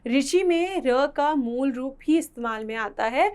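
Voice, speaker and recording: A woman teaching a children's Hindi phonics lesson, sounding out syllables slowly and repeating each word in her greeting. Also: sits high, expressive, a little mellow, clear, resonant tone.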